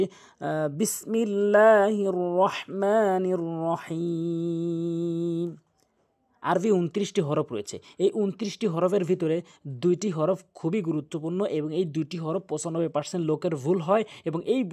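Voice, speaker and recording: Male Bangladeshi recitation tutor, a bit high-pitched, patient and deliberate, spells syllables out one by one. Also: darkish tone. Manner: slow and deliberate, chanting each syllable with many pauses. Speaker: Quran recitation teacher. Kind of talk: spelling out Arabic letters and vowels for learners.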